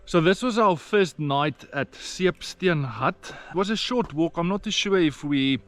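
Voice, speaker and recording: A South African man with an Afrikaans accent vlogs from a rainforest trail, his high-side voice animated and a little slow, with faint music behind it. The narration is casual, plain and encouraging, full of fillers.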